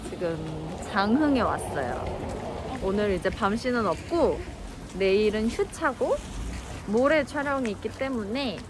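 Young woman talking through a face mask. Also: mid-range voice. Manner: chatty, laughs between lines. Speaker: vlogger. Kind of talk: casual vlog narration. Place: outdoors, on the way to dinner. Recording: noisy outdoor vlog recording.

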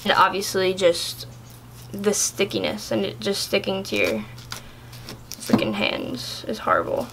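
A woman's voice: medium pitch, animated, measured pace, background noise. A young woman casually reviewing products in a vlog, chatty and exasperated, with lots of filler words. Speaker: YouTuber.

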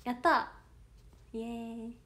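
A woman's voice: on the high side, flat delivery, slow, bright, forceful tone. A 21-year-old woman with a Kansai Japanese accent, chatting casually on a livestream as an idol audition candidate, reading viewer comments aloud and giggling often. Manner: bubbly and giggly, with frequent laughter.

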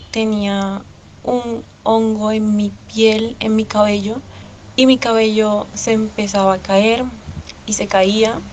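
A woman giving a personal religious testimony to her church, earnest and fervent, with halting restarts. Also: mid-range voice, a little mellow, slight background noise.

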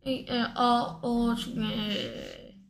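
A student sounding out English words in a phonics lesson, slow and hesitant. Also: female voice, fairly high pitch, huge pitch swings, gravelly, slight background noise.

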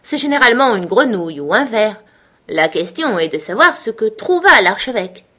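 A woman's voice: mid-range voice, big pitch swings, normal speed, pushed and bright. A woman voicing a literal-minded, pedantic duck in a storybook reading.

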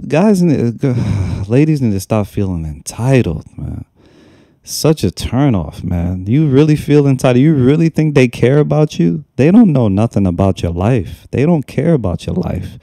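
Young man, reaction host, dark mellow voice, mocking and exasperated, repetitive scolding, dry close desk mic. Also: mid-range voice, very animated, unhurried, vocal fry, no echo. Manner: mocking, exasperated, repeats himself. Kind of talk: casual reaction commentary. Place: small room at home. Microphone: desk microphone on a stand.

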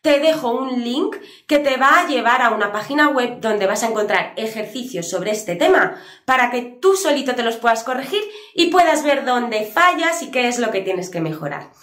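A woman teaching a video lesson, patiently spelling out letters and slowly repeating examples. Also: sits high, fairly bright tone, echoey room. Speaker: English teacher. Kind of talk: video lesson explaining grammar.

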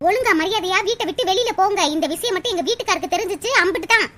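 A woman voicing a proud, sharp-tongued village mother in a cartoon. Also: extremely high pitch, slight background noise. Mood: angry. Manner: scolding, haughty and rapid. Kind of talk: cartoon voice acting.

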